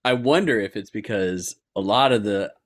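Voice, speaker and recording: A man's voice: lowish voice, moderate pace. A man co-hosting a podcast, joking around in casual chat and laughing often. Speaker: podcast co-host.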